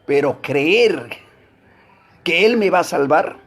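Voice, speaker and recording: Teaching a Bible class, a man preaches emphatically and poses rhetorical questions to his listeners, moving between loud exclamations and low asides. He's animated and takes it slowly, with a breathy edge to his voice.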